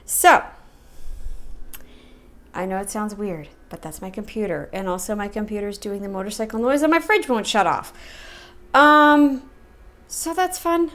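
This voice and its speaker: A woman's voice: mid-range voice, measured pace, long pauses, a bit bright. A woman hosting a reaction video with casual, rambling commentary, repeating words for emphasis.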